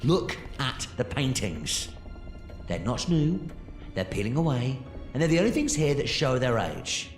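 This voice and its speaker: A man's voice: medium pitch, big pitch swings, a little slow. A man acts out an eccentric, theatrical adventurer in an audio drama. His voice swoops wildly between grave protectiveness and playful glee, set in a roomy echo with music underneath. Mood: intense, knowing. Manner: theatrical, swinging from grave to gleeful.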